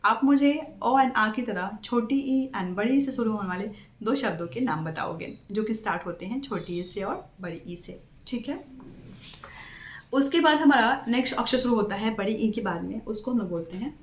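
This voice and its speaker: A woman's voice: mid-range voice, lively intonation, normal speed, a little hiss or hum. Patient woman teacher in an echoey room. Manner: patient, stresses each word, repeats and checks with "ठीक है". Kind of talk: children's lesson on letters. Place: classroom.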